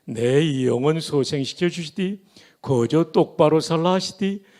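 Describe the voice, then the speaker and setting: A pastor voicing a blunt man reciting a psalm in a Pyongan accent, loud and emphatic. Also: on the high side, lively intonation, measured pace. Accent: Pyongan dialect.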